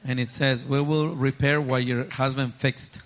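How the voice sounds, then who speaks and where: A man interprets a sermon live at a middle pitch. He follows the preacher phrase by phrase and sometimes hesitates or restarts. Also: level tone, measured pace. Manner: follows closely, with fillers and restarts.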